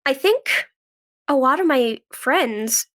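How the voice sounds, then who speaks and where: A young woman, an actress and writer, appears as a podcast guest and speaks expressively at a slow pace in a fairly high, bright voice. She tells her story conversationally, peppered with "like" and short quotes of her own words or thoughts.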